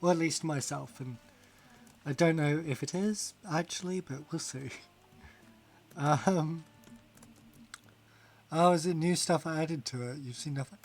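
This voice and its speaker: A man chats casually while gaming on a live stream, rambling, laughing often and reading chat aloud. His voice is a little high and a little slow, and he pauses often.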